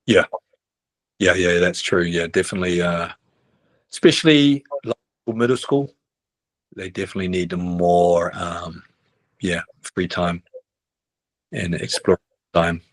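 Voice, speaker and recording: A middle-aged basketball coach from New Zealand chats casually in an interview, rambling, restarting often and ending remarks with "right?". His voice sits low and a little slow with long pauses, recorded dry with no room sound and in low quality.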